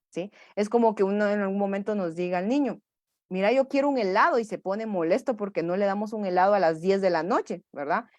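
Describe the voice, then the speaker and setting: A woman's voice: medium pitch, darkish tone, no echo, studio quality. A woman neuropsychologist gives a live parenting workshop. She keeps checking in with her listeners and acts out what parents and children say in a livelier voice. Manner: checks in with the audience through repeated tag questions.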